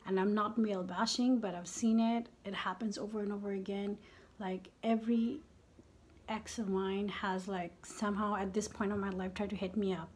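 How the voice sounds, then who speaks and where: A woman's voice: mid-range voice, little pitch movement, moderate pace, darkish tone. Candid, foul-mouthed woman vlogger in her fifties. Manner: candid and profane, often dropping to half-whispered asides. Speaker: beauty vlogger. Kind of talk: casual makeup chat.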